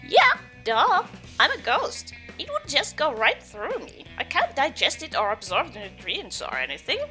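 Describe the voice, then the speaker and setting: A woman's voice: high voice, huge pitch swings, normal speed, sharp tone, soft background music, exaggerated voice. A woman voicing a flippant young female party ghost from a game in a breezy, casual way.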